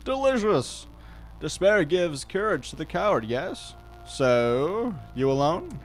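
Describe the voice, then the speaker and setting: Guy doing a creepy mocking visitor, higher voice, drawn-out, put-on british accent. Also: sing-song, a little hiss or hum. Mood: sly, menacing. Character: creepy pale male visitor, sinister and mocking.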